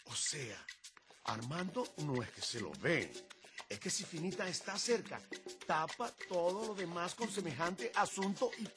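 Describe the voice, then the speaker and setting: Teasing buddy, highish, lively, faint music. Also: male voice, unhurried, pauses often. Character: teasing male friend, comic. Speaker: soap opera character. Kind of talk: telenovela comedy acting.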